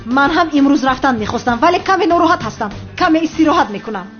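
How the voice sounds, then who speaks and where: Weary suspicious young woman, high, lo-fi dub. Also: animated. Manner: tired, suspicious. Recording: dull lo-fi with loud music.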